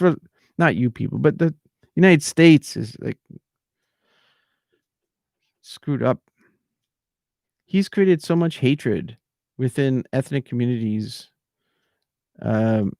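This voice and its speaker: Gravelly man rambling on a livestream. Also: mid-range voice, darkish tone, no echo, clean studio sound. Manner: ranting, repetitive, trailing off. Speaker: livestream host.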